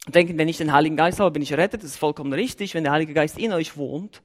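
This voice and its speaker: High-pitched male church elder, Bible-teaching sermon, emphatic, counts off his points. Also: racing. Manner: emphatic, repeats and numbers his points, lively rises and drops in pitch.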